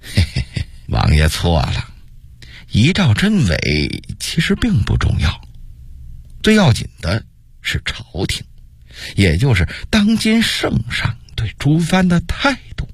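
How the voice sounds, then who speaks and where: Man voicing a scheming old monk, slow persuasive delivery, husky, dry close sound. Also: on the high side, huge pitch swings, no room sound, voice pushed up, exaggerated voice. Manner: measured, persuasive, rhetorical questions. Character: shrewd scheming older male Buddhist monk advisor.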